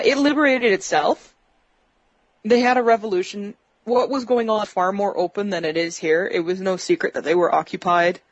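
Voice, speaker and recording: A woman's voice: mid-range voice, highs cut off. A woman answering interview questions over a bad phone video call from her bedroom, with a connection that breaks up, and speaking hesitantly with many fillers. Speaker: interview guest. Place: bedroom at home. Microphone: video call app on a phone.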